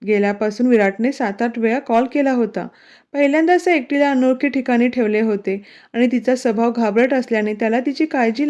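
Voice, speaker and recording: A woman narrating a romantic story in a gentle, scripted storybook style. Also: a little high. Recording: dull, lo-fi recording.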